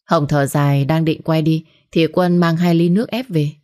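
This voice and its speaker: A woman's voice: low voice, fairly even intonation, normal speed, a little mellow. A woman narrating an audio story and voicing every character herself.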